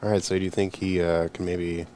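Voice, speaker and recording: Live pool tournament commentary comes from a young man in the booth, relaxed and questioning, with frequent "uh" fillers. He talks fairly quickly in a low-pitched, dark, flat voice, and a little hiss or hum is audible.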